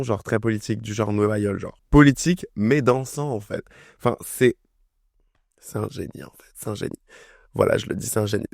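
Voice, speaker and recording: A young man talks about music in a casual, excited way, piling up fillers and repeating himself. His voice sits low, and the recording is dry and close with no room sound. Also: no echo. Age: young adult. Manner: enthusiastic, chatty, full of fillers. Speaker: music review vlogger. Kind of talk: casual chat.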